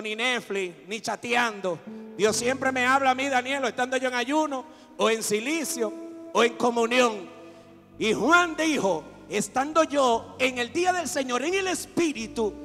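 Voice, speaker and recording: A Dominican man preaching in a strikingly high voice, fervent and pressing as he urges people forward. His sermon rings through a long-echoing hall while worship music plays beneath him. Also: gravelly, a bit bright. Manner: fervent, rising to exhortation. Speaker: pastor. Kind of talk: sermon with altar call. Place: church service, live.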